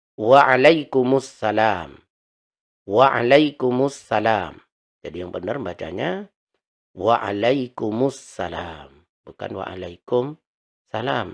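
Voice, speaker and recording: A man teaching an Arabic lesson, patiently explaining words and repeating them slowly. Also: sits low, vocal fry, breathy edge.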